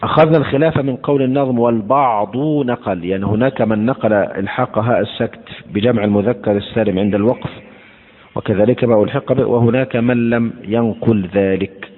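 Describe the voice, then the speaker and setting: A male teacher explaining recitation rules in a slow, deliberate lecture, repeating words to show how they are pronounced. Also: lowish voice, slightly rough. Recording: tinny phone-like lecture recording in a hall.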